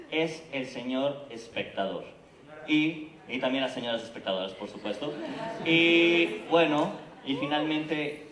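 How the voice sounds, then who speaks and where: A man with a Mexican Spanish accent presents a theater project at a theater congress, speaking earnestly and persuasively and often checking in with the audience through "¿no?" and "¿de acuerdo?". His voice is medium-pitched and fairly bright. Recorded from a distance in an echoey conference hall, it carries a little hiss or hum.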